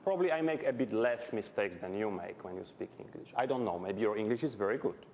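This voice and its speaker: A middle-aged Polish man delivers a university chemistry lecture in English, a non-native speaker with a Polish accent who is blunt, direct and drily funny. His voice is on the low side and a little mellow, with lively intonation and a fast pace. The lecture hall recording is echoey, with faint background noise.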